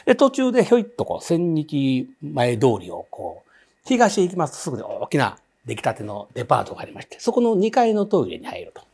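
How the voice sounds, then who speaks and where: A man's voice: fairly high pitch, wildly swooping pitch, a little fast, gravelly, darkish tone, breathy edge. A man with a Kansai accent telling a ghost story, vividly acting out the voices of the people in it.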